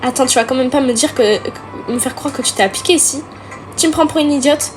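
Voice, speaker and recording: A woman voicing a blunt, easily irritated teenage girl who talks in a sharp, scolding way, with game music behind her. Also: high-pitched, a little fast, lightly acted. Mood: indignant. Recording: music playing underneath.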